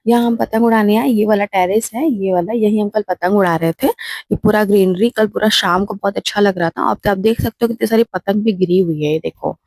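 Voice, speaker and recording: A young woman telling a family story in a casual, animated vlog and acting out her relatives' lines. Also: mid-range voice, brisk, dry recording. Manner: animated, acts out family members' lines in quotes. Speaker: vlogger. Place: home rooftop terrace.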